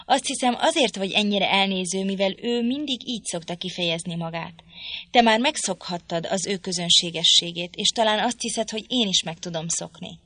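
A woman voicing a stern, indignant gentleman husband, speaking stiffly and reproachfully in an audiobook reading. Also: medium pitch, no echo.

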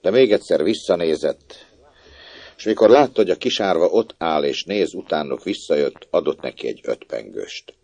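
Very deep gravelly storyteller man. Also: no echo. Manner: expressive, voicing characters. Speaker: narrator. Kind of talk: reading a story aloud.

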